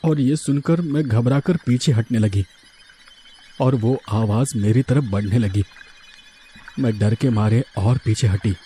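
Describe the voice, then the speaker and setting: A man narrating a horror story in a slow, measured, hushed way. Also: lowish voice, a little hiss or hum.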